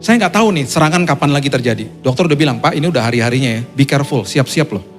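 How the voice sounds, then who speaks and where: A male pastor tells his testimony in a sermon, storytelling dramatically and letting his voice climb high when excited. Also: racing, faint music behind.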